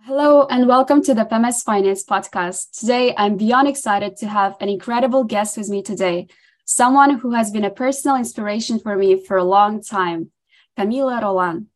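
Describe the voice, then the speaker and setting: A woman hosting a podcast, reading a scripted intro and asking interview questions in an upbeat, effusive way. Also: a little high. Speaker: podcast host.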